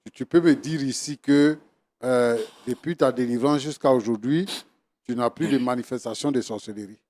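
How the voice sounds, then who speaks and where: Male pastor, mellow tone, slow, probing questions on a TV panel. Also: medium pitch. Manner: hesitant, probing questions with fillers.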